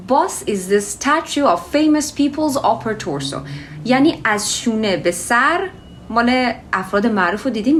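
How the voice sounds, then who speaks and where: A woman, a native Persian speaker, giving an English vocabulary lesson at a mid pitch. She moves between Persian explanations and English terms, drawing out each word slowly to show how it is said. Faint hiss sits under her voice. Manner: switches between Persian and English, slows to model pronunciation. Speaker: English teacher.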